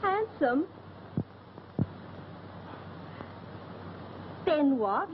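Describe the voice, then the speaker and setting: High-voiced, pert village girl. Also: very animated, takes it slowly, exaggerated voice. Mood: coy. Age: young adult. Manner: pert, teasing, defiant. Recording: muffled old film, faint hiss and crowd.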